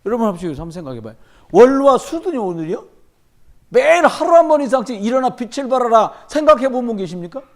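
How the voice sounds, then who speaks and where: At a midweek church service, a male pastor preaches with animated emphasis, telling humorous stories. He talks fast in an extremely high-pitched voice.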